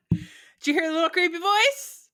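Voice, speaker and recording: A bright-toned woman from Michigan hosts a podcast, chatting casually with a co-host. She talks freely, laughs often and fills pauses with "um" and "like". Her voice has a clear, forward edge. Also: very high-pitched. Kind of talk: casual chat.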